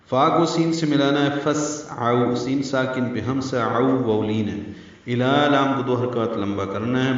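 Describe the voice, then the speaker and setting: A man teaching Quran recitation rules, explaining slowly and chanting the example words. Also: medium pitch. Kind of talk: tajweed lesson with recited examples. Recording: very echoey, distant, dull sound.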